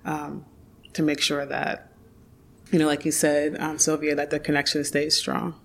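A woman's voice: low voice, monotone, moderate pace. A woman speaking casually and reflectively in conversation, with unscripted phrasing. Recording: clear background noise, ambient sound.

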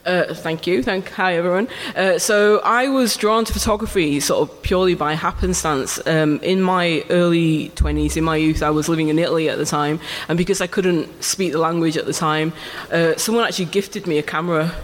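A high-voiced man from England whose first language is Urdu tells stories animatedly and laughingly, talking a little fast with hardly any pauses. He's a photographer guest in a live stage conversation at an arts venue before an audience, recorded with hall reverb and faint ambience.

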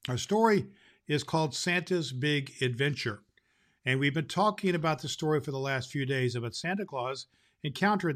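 A man playing jolly old Santa Claus. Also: close to an everyday voice. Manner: booming ho-ho laughs, warm storytelling. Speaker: host. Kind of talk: storytelling podcast.

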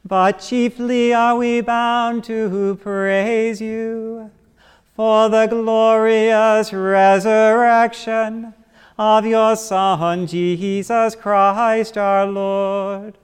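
A priest chanting the liturgy slowly on a steady tone, his voice ringing in a long cathedral echo. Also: high-pitched, clean tone. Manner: slow, even chanting on a steady tone. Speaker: priest leading the Eucharist. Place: large church. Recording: long church reverb, faint organ music.

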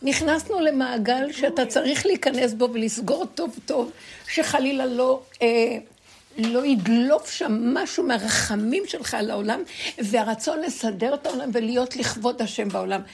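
A middle-aged woman giving a spiritual lesson to a group, telling stories in a lively way and laughing between points. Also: fairly high pitch, vocal fry, a little hiss or hum. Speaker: religious teacher.

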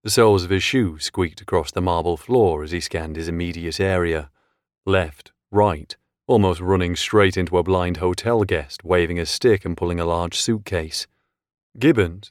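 A man narrates a crime thriller with measured, steady pacing. His voice sits very low, and the close studio sound is dry, with no room around it. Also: no echo. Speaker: audiobook narrator. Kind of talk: scripted audiobook narration.

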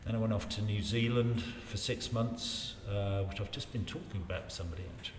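Here a Wiltshire man in his 60s, a local politics interview guest, tells his life story in a rambling, casual way. His voice is lowish and steady in tone, and he halts and repeats phrases; the room is reverberant, with faint noise behind him.

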